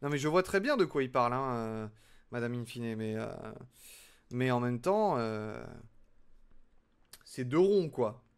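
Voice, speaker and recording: A man's voice: medium pitch, lively intonation, unhurried, long pauses, smooth. A young man chatting casually with his live-stream audience as he builds, chatty and self-mocking. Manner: chatty, self-mocking, talks to chat while working.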